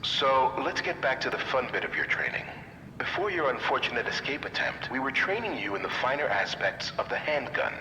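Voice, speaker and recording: A man's voice: mid-range voice, big pitch swings, fairly quick, sharp tone, highs cut off, slight background noise. A man playing a smug, impatient director in a video game, theatrical and condescending, with an announcer-like delivery in a reverberant space. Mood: mock-polite. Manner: mock-polite, condescending, announcer-like. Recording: echoey hall reverb, music behind.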